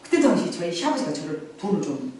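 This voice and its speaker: A woman's voice: fairly low pitch, big pitch swings, fast talker, mellow, far from the mic, a little hiss or hum. A middle-aged woman pastor preaching a sermon, rising in emphatic swells and dropping to confiding storytelling. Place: church sanctuary. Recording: very echoey church hall, from afar.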